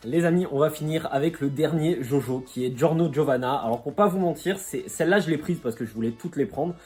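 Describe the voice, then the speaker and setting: A man's voice: fairly high pitch, brisk, warm tone. A man chatting casually through an unboxing vlog, slangy and joking, with faint music under his voice. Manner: chatty, slangy, jokey asides. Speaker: YouTuber unboxing figurines.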